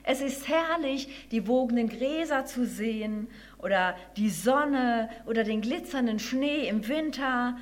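A woman voicing a small, quick female mouse in a children's story, with a squeaky, eager way of talking. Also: expressive. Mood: dreamy. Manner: squeaky and bright, enthusiastic.

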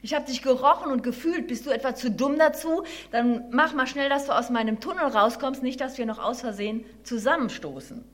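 A woman voicing a stubborn, grumpy male mole in a children's story, talking in a gruff, grumbling way. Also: high voice, a little fast, few pauses, natural voice. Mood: bossy.

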